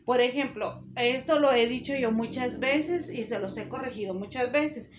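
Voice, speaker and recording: Woman teacher reading out spelling rules slow n careful, kinda high voice, echoey room. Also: background noise. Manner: slow, deliberate, dictates rules aloud. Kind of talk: recorded spelling lesson.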